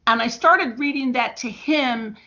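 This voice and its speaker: A woman's voice: high voice, unhurried, pushed and bright. Chatty middle-aged woman, lo-fi sound. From Indiana, USA. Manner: chatty, laughs often. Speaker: guest author. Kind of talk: casual podcast chat. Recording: dull lo-fi audio.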